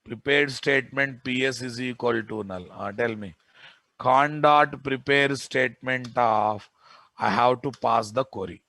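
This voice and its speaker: A man's voice: medium pitch, unhurried, creaky, sharp tone, no room sound. A man with a Telugu Indian English accent teaching a live class as an instructor, informally, often repeating phrases and checking in with his listeners. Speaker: software programming instructor. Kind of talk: live classroom lecture with storytelling and dictation.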